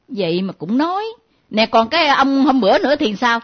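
This is a comedy sketch with a woman playing a teasing, nosy younger friend who speaks. Her voice is fairly high, and her pitch is very animated. The recording has a dull, lo-fi sound. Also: moderate pace. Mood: mocking. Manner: teasing, lively, mimicking.

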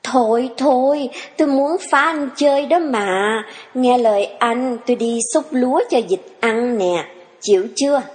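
A woman's voice: sits high, lively intonation, a little mellow, in a large hall, pitched above the performer's own voice. A woman playing a sassy young farm girl. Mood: scolding. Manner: teasing, quick-tempered scolding. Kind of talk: audio drama reading.

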